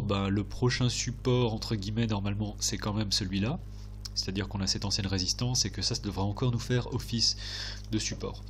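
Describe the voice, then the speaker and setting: Low-voiced man with a stuffy, blocked nose. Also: slight background noise. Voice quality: nasal, stuffy. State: congested blocked nose and sore throat. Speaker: host of a crypto chart analysis video. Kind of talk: casual technical commentary over charts.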